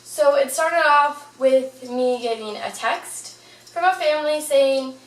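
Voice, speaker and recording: A woman's voice: high-pitched, slow pace. A young woman telling a personal story in a casual, chatty, informal way, as a vlogger to her viewers. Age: young adult. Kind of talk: casual storytime, paranormal anecdote. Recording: roomy, distant mic, fan noise. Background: whirring fan.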